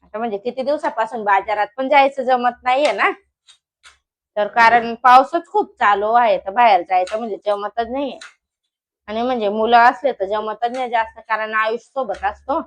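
A young woman from Maharashtra talking casually in a home cooking vlog, coaxing and scolding her small children between soft asides to viewers. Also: on the high side, moderate pace. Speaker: vlogger and mother.

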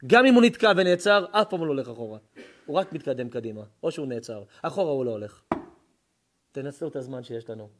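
A man who is a rabbi, giving a Torah lesson as a sermon, telling stories with feeling and swinging between hushed words and loud cries. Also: a little high. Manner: emotional storytelling, swings between hushed and shouting.

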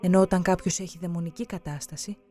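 A narrator giving a solemn, measured scripted reading for a religious documentary. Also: medium pitch, steady tone, warm tone, faint music behind.

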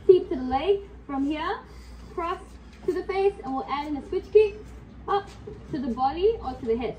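Recorded on a distant camera in a home workout room with faint noise, the audio sounds dull. A high-pitched instructor, stuffy with a cold, runs a live kickboxing class with brisk commands, coaching cues and counted time.

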